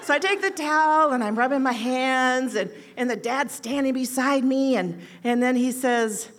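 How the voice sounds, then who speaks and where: A fairly high-voiced woman in her sixties tells a story to a crowd. She is a nurse with an animated delivery and acts out each quoted line with big leaps in pitch and loudness. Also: normal speed. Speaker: oncology nurse. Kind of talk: storytelling to an audience.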